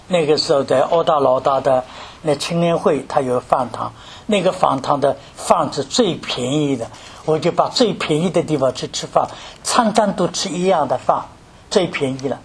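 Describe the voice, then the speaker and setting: An older man from mainland China preaches a sermon, asking rhetorical questions and recounting his story with animated emphasis. His voice is a little high and husky, and he speaks at a moderate pace.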